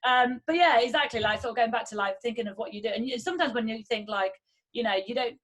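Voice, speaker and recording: A woman in her thirties hosts a casual podcast chat with a rapid, tumbling delivery. Her voice sits deep for a woman, and she keeps things encouraging, peppering her points with fillers. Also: a bit bright. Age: 30s. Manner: chatty and encouraging, quick with fillers like "like" and "um". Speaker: podcast host.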